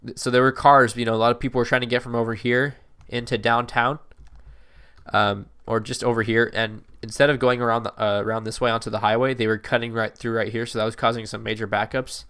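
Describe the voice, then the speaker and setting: A man records gameplay commentary for a city-building game, talking in a casual, meandering way with many fillers and self-corrections. His slightly congested voice sounds allergy-stuffed. It is medium-pitched, clean, and fairly bright, and he speaks briskly with a flat delivery.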